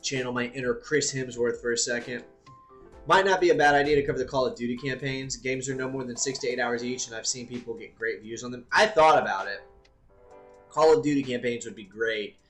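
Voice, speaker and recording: A man hosting a live stream, chatting casually and thinking out loud, with the odd swear word. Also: medium pitch, a little fast, soft background music.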